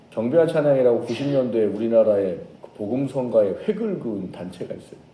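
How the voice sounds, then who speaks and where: A man preaching a sermon as pastor, telling a story with lively changes and acting out shouted lines. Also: medium pitch, echoey room, rough recording. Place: church sanctuary.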